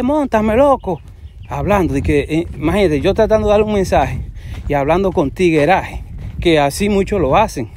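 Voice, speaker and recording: A Dominican man with a soft Cibao accent talks off the cuff about faith, drifting from point to point and often restarting his sentences. His voice sits a little high for a man yet sounds mellow and dark in tone, with a faint hiss of noise behind it. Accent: Dominican, Cibao region. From Dominican Republic. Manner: rambling, jumps between points, frequent restarts. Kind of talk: unscripted religious commentary to camera.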